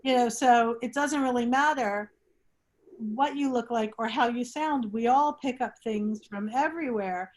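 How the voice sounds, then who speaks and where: Lively woman hosting an online chat. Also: fairly high pitch, unhurried. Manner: rambling, animated, with restarts. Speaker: discussion host. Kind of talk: casual talk to an online group.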